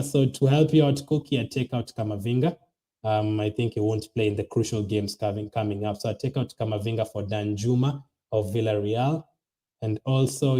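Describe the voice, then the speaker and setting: A young fantasy football channel host, weary at a late hour, reads viewer comments during a casual stream. He rambles, restarting and saying um often, in a fairly low voice with a dark tone.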